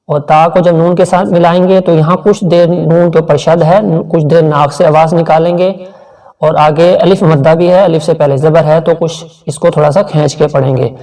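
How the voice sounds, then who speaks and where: A high-pitched male teacher walks through tajweed rules at a brisk clip, then slows down to chant each word in long, drawn-out tones. His voice sits a little back from the microphone. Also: mellow, far from the mic, poor audio. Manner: explains rules briskly, then recites words slowly and drawn out. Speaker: Quran teacher. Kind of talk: tajweed lesson with slow chanted recitation.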